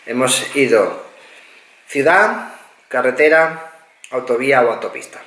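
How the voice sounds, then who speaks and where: A man's voice: mid-range voice, expressive, measured pace, a bit bright. A man from Spain talks through a car review in a casual, conversational way, working through figures step by step and breaking off into asides. His voice sits in the middle range. The room around him is echoey.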